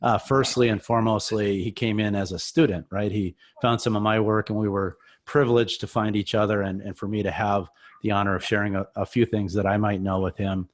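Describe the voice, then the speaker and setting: Lower-pitched man, upbeat mentor type, leads the conversation with encouragement. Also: level tone, brisk. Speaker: mentor and interviewer. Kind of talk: enthusiastic interview.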